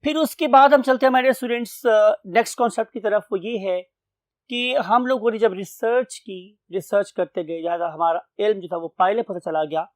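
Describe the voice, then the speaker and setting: A man's voice: high voice, normal speed, no echo. A man teaching a biology class, explaining steadily and slipping English terms into his lecture while addressing his dear students.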